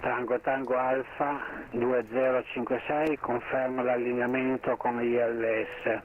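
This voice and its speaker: Male pilot on headset radio, mid pitch, halting and unsure, dull line with faint hiss. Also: little pitch movement. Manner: hesitant, unsure of the terminology. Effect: pilot radio call heard over the headset. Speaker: pilot on a flight-sim network.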